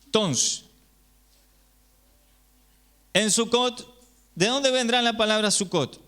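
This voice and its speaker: High, smooth-voiced preacher. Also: male voice, slow pace, pushed and bright. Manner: explanatory, checks in with listeners through frequent rhetorical questions. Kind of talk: sermon teaching. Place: congregation gathering.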